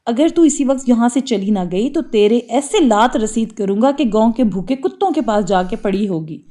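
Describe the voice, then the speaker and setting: A blunt, gruff donkey from a cartoon story grumbles and scolds in a dark, mellow tone, as a woman puts him on. Underneath his rough manner he is protective of the dove. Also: fairly high pitch, lively intonation, lightly acted.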